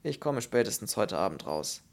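A man voicing a polite Russian gentleman with a warm bass voice and a Russian accent. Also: normal speed. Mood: courteous. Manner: polite, calm, formal.

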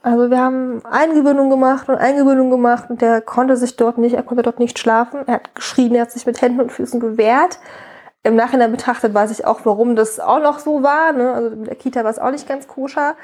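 Thirties woman, interview guest, high-ish voice, open and rambling, lots of restarts and tag questions. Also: steady tone, a little fast, a little mellow. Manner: candid, frequent "ne?" tags, many restarts. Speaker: guest, mother of a colicky baby. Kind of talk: casual interview conversation.

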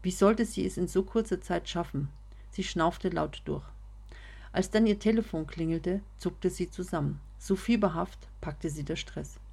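A woman narrating a serialized story in a steady, measured reading voice. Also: lowish voice, gravelly, breathy edge.

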